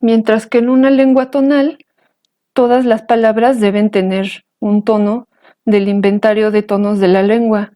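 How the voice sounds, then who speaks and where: A woman teaching a language lesson, explaining slowly and carefully, pronouncing example words. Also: a little high, little pitch movement, warm tone. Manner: slow, careful, patient explanation.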